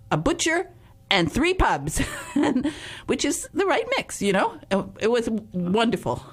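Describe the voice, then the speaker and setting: A woman hosts a casual radio interview, chatting away and breaking into laughter as she rambles. Her voice sits at an ordinary middle pitch. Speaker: radio host.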